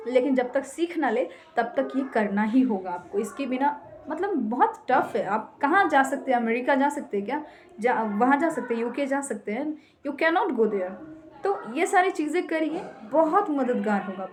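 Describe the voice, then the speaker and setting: A woman's voice: high-pitched, lively intonation, moderate pace. A young Indian woman giving emphatic, repetitive tips to English learners, mixing Hindi and English. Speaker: English teacher. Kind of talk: casual tutorial talk.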